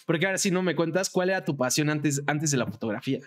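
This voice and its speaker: A man's voice: a little high, expressive, fast. A man with a Mexican accent hosting a casual interview podcast, asking long rambling questions full of fillers. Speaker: podcast host.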